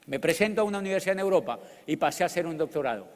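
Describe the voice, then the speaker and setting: Middle-aged Colombian man, high-pitched, animated, joking motivational speaker in a reverberant hall. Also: rapid-fire. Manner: animated, joking, bursts into loud exclamations. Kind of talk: storytelling business talk.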